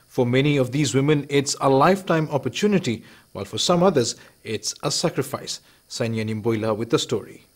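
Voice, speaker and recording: A man's voice: medium pitch, lively intonation, a little fast. A man reading scripted news as an anchor.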